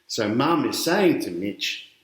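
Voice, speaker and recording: Taking it slowly, with big swings in his mid-range voice, a middle-aged Australian man reads a picture book aloud and addresses the children listening, questioning them and explaining parts of the story. The room sounds echoey and spacious.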